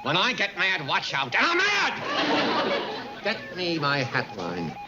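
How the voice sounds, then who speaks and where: An actor playing a pompous, scheming villain sorcerer who rants theatrically in a children's TV show, on muffled old audio with loud music. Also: medium pitch, huge pitch swings, measured pace, over a noisy crowd, heavy background noise. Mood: scheming, irritated. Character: bombastic, scheming villain sorcerer Hoodoo, quick to rage.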